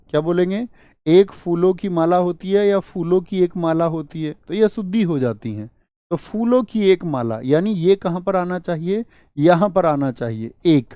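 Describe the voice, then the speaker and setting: A man's voice: high-pitched, a little slow, dark tone, no room sound, clean studio sound. A male teacher running an exam-prep lesson, drilling students with repeated rhetorical questions. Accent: Hindi.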